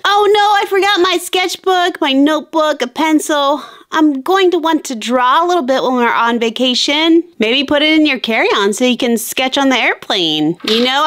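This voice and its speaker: A woman narrating and playing out a toy story in a lively, upbeat way. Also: high voice. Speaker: toy video creator.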